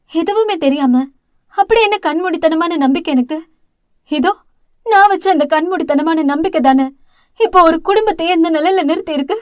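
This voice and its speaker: A woman's voice: extremely high pitch, no room sound, studio quality. A woman voicing a guilt-ridden young elder sister in an audio novel, speaking tearfully and blaming herself. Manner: tearful, pleading, self-blaming.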